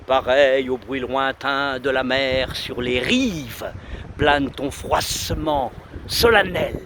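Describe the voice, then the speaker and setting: Standing outdoors beneath trees by a windy shore, a man declaims a 19th-century poem in a solemn manner, pausing dramatically. The wind hits the microphone hard, and the sea rumbles and roars in the background.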